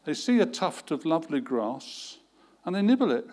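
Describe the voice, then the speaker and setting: A man's voice: a little high, normal speed. A man preaching a sermon, telling stories with dramatic, repetitive flourishes. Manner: lively, dramatic storytelling with vivid repetition. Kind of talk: sermon with storytelling.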